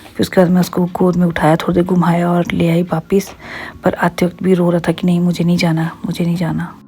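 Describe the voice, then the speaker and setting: Young woman, husky low voice, flat casual voice-over narration. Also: brisk. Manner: recounting events, quoting others. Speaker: vlogger narrating a clip.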